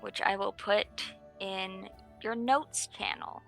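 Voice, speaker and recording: Gravelly, bright-voiced woman game master. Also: medium pitch, soft background music, low-quality recording. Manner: unhurried, descriptive scene-setting. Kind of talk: narrating a tabletop game.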